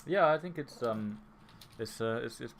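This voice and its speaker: A man's voice: medium pitch, expressive, normal speed, a little hiss or hum. A young man co-hosting a casual chat about their game, easygoing, with frequent laughs and hesitant fillers. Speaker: co-host playing the game. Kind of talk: casual chat over gameplay.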